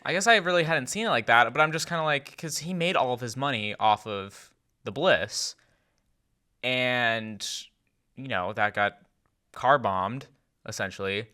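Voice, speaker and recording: A young man co-hosting a podcast, chatting in quick animated rambling bursts. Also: medium pitch, clear, resonant tone. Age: young adult. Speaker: podcast co-host. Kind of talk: casual chat.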